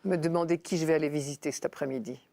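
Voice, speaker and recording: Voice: medium pitch, steady tone, very fast, creaky, mellow, dry recording. An older speaker, a guest in a spiritual radio discussion, talking in short, optimistic phrases.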